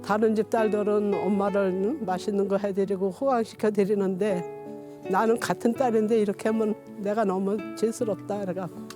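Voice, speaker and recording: Music plays under the voice of a woman in her sixties who is recounting personal stories as an interview guest. She speaks at a moderate pace in a mid-range voice with fairly level intonation. Her manner of speaking is homely and plain, not polished.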